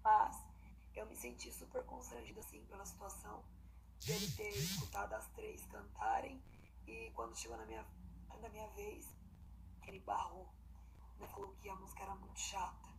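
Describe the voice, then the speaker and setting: A young adult Brazilian woman with a hoarse, breathy voice, giving a casual personal statement into a phone held at arm's length while lying down indoors. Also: fairly low pitch, very animated, moderate pace. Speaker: singer. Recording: noisy phone recording.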